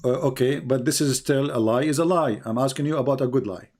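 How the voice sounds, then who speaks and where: A man hosts a live call-in debate, pressing his caller and repeating each question until he gets an answer. His voice sits at an ordinary middle pitch. He often cuts in on the other speaker. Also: brisk, a little mellow.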